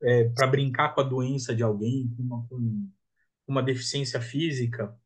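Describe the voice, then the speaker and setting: A man's voice: mid-range voice, steady tone, normal speed, slightly rough. A man, a guest in a casual podcast conversation, talking in a reflective way and often ending thoughts with a questioning tag. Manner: reflective, tags thoughts with 'né?'.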